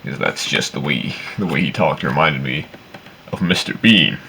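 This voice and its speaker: A man's voice: rumbling low, normal speed, vocal fry, very noisy. A man giving casual, opinionated game commentary in a rambling, sweary, complaining way. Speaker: video game reviewer.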